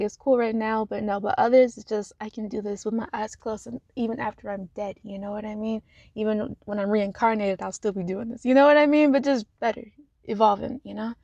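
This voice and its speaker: A woman's voice: on the high side, creaky, darkish tone, no echo, highs cut off. Chatty woman rambling in a parked car. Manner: rambling, chatty, laughs often, lots of fillers. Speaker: vlogger. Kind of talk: casual advice vlog.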